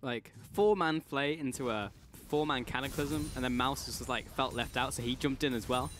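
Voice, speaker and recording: A man doing live play-by-play commentary of an esports match, with an excitable manner. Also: mid-range voice, normal speed, music in the background.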